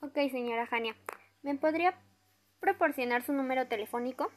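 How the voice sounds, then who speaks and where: A woman with a Mexican accent speaks fairly quickly in a high-sitting, natural voice. In an amateur acted role-play, she plays a courteous complaints officer, using a polite, formal customer service voice.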